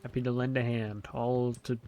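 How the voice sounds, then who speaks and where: Gravelly young man doing gameplay commentary. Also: medium pitch, level tone, moderate pace, warm tone. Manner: thinks aloud, chuckles, self-deprecating. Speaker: gamer, host of a walkthrough series.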